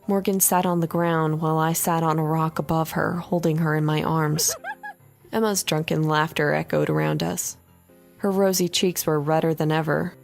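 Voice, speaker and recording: A woman reading a horror story aloud in an expressive first-person narration. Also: low voice, normal speed, gravelly, faint music behind.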